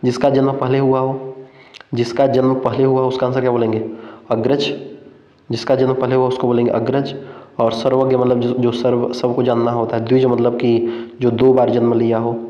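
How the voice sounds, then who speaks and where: A man's voice: mid-range voice, mellow. A man teaching an online exam-prep lesson, repeating each term several times and quizzing his listeners. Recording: echoey, dull lo-fi room sound.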